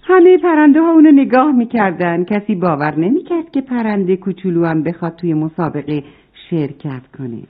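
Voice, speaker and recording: Brief: female storyteller for kids, lively animated reading, thin phone-like sound. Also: medium pitch. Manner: warm, addresses the children. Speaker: storyteller for children. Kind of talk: children's story narration.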